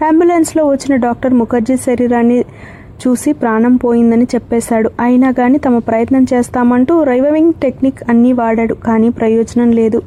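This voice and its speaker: A woman narrates a crime novel in a steady storytelling manner. Her voice sits fairly high but has a soft, mellow tone. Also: brisk. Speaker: audiobook narrator.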